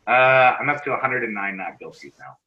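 A man's voice: medium pitch, animated, fairly quick. A man working as a criminal defense lawyer, telling stories in a casual interview in a brash, profane way. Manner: brash, profane, acts out quoted voices. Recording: echoey dull room sound.

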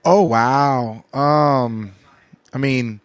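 A man joining as a guest DJ, chatting quickly and casually. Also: medium pitch, clear, resonant tone, no echo. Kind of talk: casual chat.

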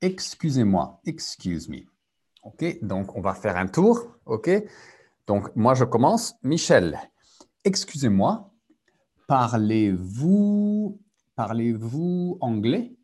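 A man's voice: mid-range voice, sing-song, slow pace, a little mellow, husky. A man teaching a live French group lesson over a video call, switching between French and English and drilling repetition.

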